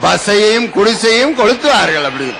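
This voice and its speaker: A man's voice: high-pitched, very animated, brisk, creaky, background noise. A man judging a debate who breaks in with wry, joking remarks.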